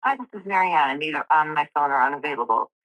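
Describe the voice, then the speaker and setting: Low-voiced woman heard over a landline phone. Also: expressive, fast. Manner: brief, polite recorded greeting. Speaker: homeowner's voicemail greeting. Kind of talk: recorded voicemail greeting. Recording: tinny phone line.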